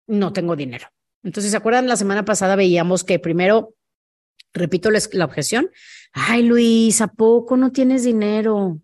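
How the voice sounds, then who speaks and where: A Mexican woman hosting a casual coaching podcast, chatty and digressive, acting out sales conversations. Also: on the high side. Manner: chatty, digressive, role-plays sales dialogues. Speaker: podcast host.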